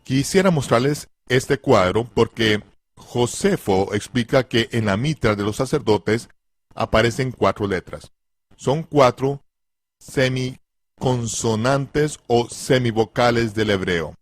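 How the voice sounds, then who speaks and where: A man giving a religious lesson, slowly spelling out letters and repeating pronunciations with deliberate care. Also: medium pitch, animated, dry recording. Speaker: religious teacher.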